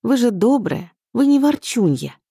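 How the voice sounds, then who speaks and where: A stubborn young woman in an audiobook, arguing in a bright, bouncy way, as a woman reads her. The lines jump up in pitch and stay lively. The reading is close and dry. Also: a little slow, vocal fry, breathy edge, no room sound, exaggerated voice. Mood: teasing. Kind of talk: audiobook character voice.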